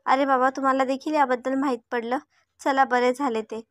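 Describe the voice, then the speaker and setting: A woman's voice: high-pitched, steady tone, fairly quick, no echo, clean studio sound, lightly acted. Cocky rich young man, read by a woman. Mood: insistent.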